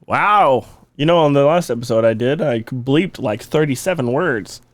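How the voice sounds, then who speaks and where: A man's voice: medium pitch, animated, moderate pace, no echo. A man co-hosting a podcast, bantering playfully, joking and laughing a lot. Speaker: podcast co-host. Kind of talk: casual comedic podcast banter.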